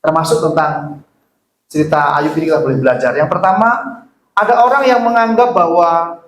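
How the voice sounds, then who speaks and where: A pastor with a fairly high voice preaches a sermon at a fairly quick pace, joking and asking his congregation questions. The recording echoes around the church hall where he speaks.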